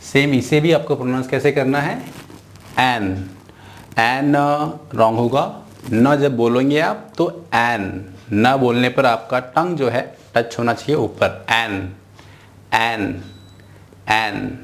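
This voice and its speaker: A young Indian man teaching English phonics, drawing out each syllable and correcting wrong pronunciations. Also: medium pitch. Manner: drawn-out sounding of syllables, corrects wrong forms. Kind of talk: slow phonics lesson.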